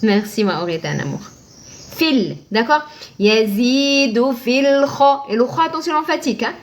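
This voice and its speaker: A woman's voice: a little high, big pitch swings, a little fast. A woman teaching Arabic reading live online, patient, posing questions and answering them herself, thanking viewers by name.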